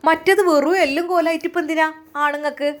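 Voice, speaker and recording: A woman's voice: very high voice, steady tone, fast talker, voice pushed up. A woman voicing a kind, coaxing older mother in a dramatized story reading, speaking with a Malappuram Malayalam accent in a soothing, chatty way.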